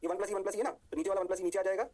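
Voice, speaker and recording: Fast-talking, lively physics teacher man. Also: high-pitched. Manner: lively, sing-song, answers his own questions. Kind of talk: online physics lecture.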